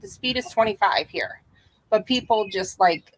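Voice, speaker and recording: A middle-aged woman speaks with a Minnesota accent. Her voice sits at an average pitch. She chats casually, like the host of a small live stream. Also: expressive, moderate pace, background noise. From Minnesota and Wisconsin, upper Midwest. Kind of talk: casual chat.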